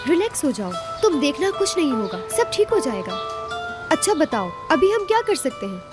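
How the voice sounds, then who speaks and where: An actress dubbing a sweet young best friend who soothes and reassures in a TV drama. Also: female voice, sits high, sing-song, moderate pace. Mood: soothing. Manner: soothing, coaxing. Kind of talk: dubbed drama. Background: music.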